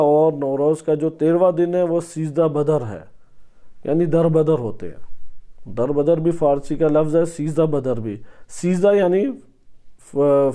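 A man's voice: fairly high pitch, mellow. A man teaching a Quran commentary lesson, reading Arabic passages and explaining them in Urdu, asking and answering his own questions. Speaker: religious teacher.

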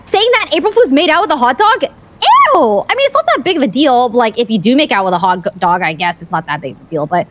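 A woman's voice: high-pitched, very animated, a bit bright, a little hiss or hum. A woman voicing an eager, naive, mischievous friend in improvised game role-play, gushing and hesitating as she chats. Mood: awkward, chatty. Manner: chatty, gushing, halting, hesitant asides.

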